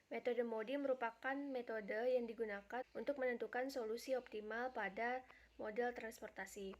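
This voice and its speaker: A young adult woman, a university student, reading out a class presentation in a steady, step-by-step way. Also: fairly high pitch, slight background noise. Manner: steady, reads each step in order. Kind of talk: read-aloud class presentation.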